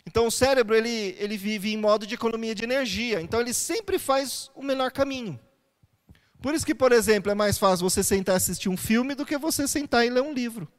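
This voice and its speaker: A man's voice: extremely high pitch, fast talker, long reverb tail. A man, a pastor, preaching a conversational sermon in a church and posing rhetorical questions to his listeners.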